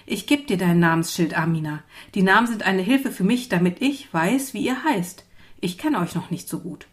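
A woman's voice: on the low side, lively intonation, normal speed, lightly acted. A woman doing a kind schoolteacher. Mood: welcoming. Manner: warm, encouraging, speaking to small children. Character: friendly female schoolteacher, welcoming and patient.

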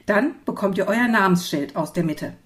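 A woman's voice: medium pitch, animated, normal speed, close to an everyday voice. A woman doing a kind schoolteacher. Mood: welcoming. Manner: warm, encouraging, speaking to small children. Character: friendly female schoolteacher, welcoming and patient.

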